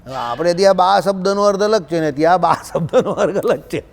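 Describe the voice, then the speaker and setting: A man's voice: high-pitched, a little fast. A man giving a religious scripture discourse in a conversational way, mixing in folksy anecdotes and checking in with his listeners often. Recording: long hall reverb.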